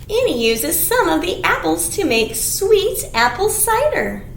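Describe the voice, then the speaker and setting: A woman with a very high, very animated, slightly bright voice leads storytime for small children as a librarian, reading aloud and singing in simple sing-song phrases at a slightly slow pace. It's a children's read-aloud with songs and rhymes, recorded in an echoey room with clear background noise.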